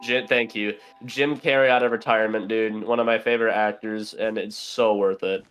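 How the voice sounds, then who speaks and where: A man's voice: lowish voice, fairly even intonation, normal speed, fairly bright tone, clean tone, soft background music. A young man, a podcast guest, chatting casually and rambling with lots of fillers while playing a game. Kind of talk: casual chat while gaming.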